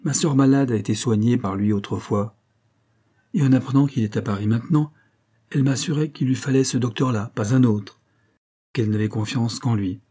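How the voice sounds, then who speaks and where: A man voicing a resolute, cunning young wife who speaks with controlled calm. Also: medium pitch, normal speed, slightly rough, natural voice.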